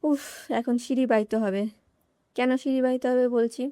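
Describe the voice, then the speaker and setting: Chatty mellow-voiced teenage woman vlogging. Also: a little high, steady tone, normal speed, clean tone, no room sound. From North Bengal, India. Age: late teens. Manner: chatty, talks straight to viewers, grumbles and jokes. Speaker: student vlogger. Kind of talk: casual vlog narration. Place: walking around a coaching centre building.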